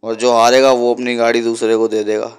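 A man's voice: medium pitch, little pitch movement, brisk, clean tone, natural voice. A man voicing a brash, foul-mouthed male gangster who swaggers and insults in an amateur game dub. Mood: scornful. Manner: swaggering, insulting, panics into yelling while racing.

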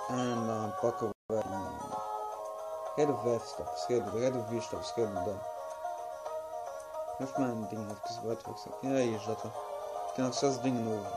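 A drowsy young adult man giving casual gameplay commentary, rambling and muttering to himself with some swearing. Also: fairly low pitch. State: tired, drowsy. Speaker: gaming video host. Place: small room at home. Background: game music.

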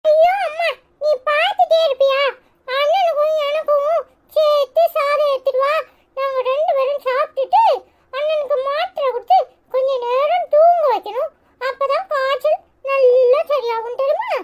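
A woman voicing a sulky, tearful little boy in a Tirunelveli Tamil accent for a cartoon. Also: moderate pace. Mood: cheerful. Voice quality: very high, childlike. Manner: whiny pleading, near tears. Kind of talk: cartoon comedy voice acting.

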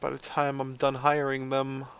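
A man's voice: medium pitch, monotone, normal speed, creaky, a bit bright, clean tone. A man giving casual let's play commentary on a strategy game, grumbling, sighing and swearing at it. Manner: swears freely.

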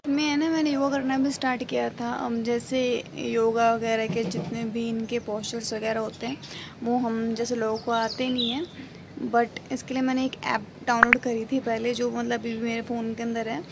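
Young woman, rambling vlog to camera, flat tone, noisy outdoor phone recording. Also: fairly high pitch, moderate pace, creaky. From India. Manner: chatty, rambling, filler-heavy. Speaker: vlogger. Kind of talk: casual vlog talk to camera. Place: outdoors on a quiet railway colony road. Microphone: phone held at arm's length.

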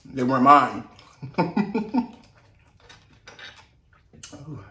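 A man's voice: medium pitch, very animated, very slow, bright, forceful tone. A man hosting an eating vlog, chatting casually with viewers while his mouth is full of food, in a laid-back way. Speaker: mukbang channel host. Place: indoor room with train audible outside. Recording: echoey room.

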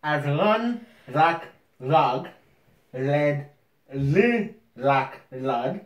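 A man's voice: fairly high pitch, animated, extremely slow. A man in his twenties with slurred, garbled speech from a mouthguard, playing a casual word challenge. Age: 20s. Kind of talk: casual party-game challenge banter. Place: small bare indoor room at a table. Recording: echoey room.

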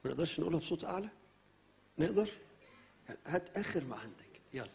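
Male Egyptian preacher, exhorting, fairly high voice, dull lo-fi recording. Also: very animated, quick pace, creaky. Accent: Egyptian Arabic. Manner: exhorting, urges the crowd to repeat aloud. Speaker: preacher leading worship. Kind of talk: sermon with congregation recitation.

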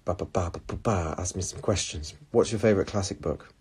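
Husky, darkish and low-pitched, this young Englishman's voice moves fairly quickly. He chats animatedly on a casual phone livestream from a small room, seated on a red sofa with the phone at arm's length, reading out viewer comments and answering their questions.

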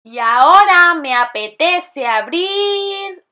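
Bright, squeaky sing-song woman, very high-pitched. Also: animated, slow pace. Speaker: children's channel host. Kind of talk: toy surprise-egg storytelling for children. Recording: music behind the voice. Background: music.

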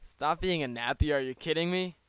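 A man's voice: on the high side, brisk, a bit bright, clear, resonant tone, no room sound. A man giving casual, rambling play-by-play of his own online battle, with joking asides, close to a desk microphone. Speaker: league player.

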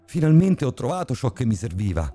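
A man voicing a deranged old woman obsessed with occult magic, talking in a shrill, frantic, cackling way. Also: sing-song, brisk, warm tone, faint music behind. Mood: manic.

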